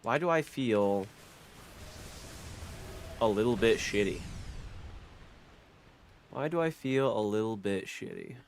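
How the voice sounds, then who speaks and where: A young man with a stuffy nose chats casually while live-streaming a game, his lowish voice sing-song and slow with frequent pauses. He's laid-back and profane, repeating phrases as he talks. Faint music plays behind him, along with a little hiss or hum.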